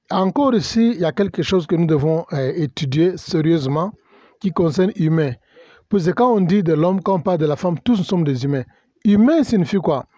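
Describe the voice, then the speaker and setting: A male pastor, bilingual in English and French, delivers a teaching sermon hesitantly, with many fillers and self-corrections, spelling out words and mixing in English terms. His voice is fairly high and warm, recorded dry with a lo-fi sound.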